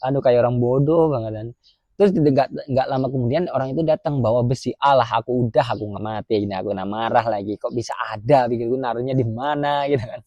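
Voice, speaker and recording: A man from Indonesia, telling a story in a casual vlog. He retells it lively and acts out voices and sounds. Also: medium pitch, dry recording. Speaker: migrant worker vlogger.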